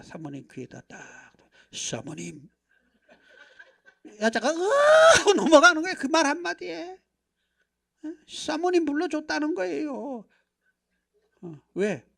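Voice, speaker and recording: A middle-aged male pastor giving a lively church seminar, acting out little dialogues and checking in with the audience, dropping to hushed asides and then bursting out loud. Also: very high voice, a little slow, gravelly. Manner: animated, acts out dialogues, constant rhetorical check-ins. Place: church sanctuary.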